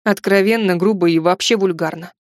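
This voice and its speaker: A woman's voice: fairly low pitch, brisk, darkish tone, no room sound, close to an everyday voice. A woman voicing a sardonic, teasing grown man in an audiobook, with a dry, mocking, bossy manner. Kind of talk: audiobook character voice.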